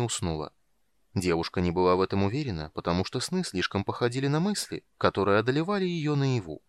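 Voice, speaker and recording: A man narrating a fantasy audiobook in a steady, measured storytelling voice. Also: fairly low pitch, no room sound, clean studio sound.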